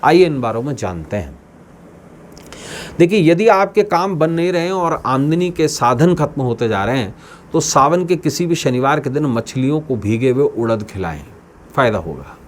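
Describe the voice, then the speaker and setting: A man's voice: fairly high pitch, slight background noise. A man hosting his own channel as an astrologer, addressing viewers in a scripted talk with emphatic, repeated phrases. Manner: declaiming, with emphatic repetitions. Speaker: astrologer host.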